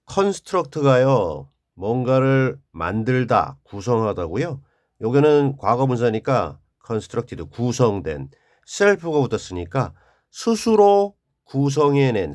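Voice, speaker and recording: A man's voice: medium pitch, a little mellow. A man teaching an English vocabulary lesson, reading each word and then explaining its meaning and stress. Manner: slow and drawn out, explaining stress and word forms.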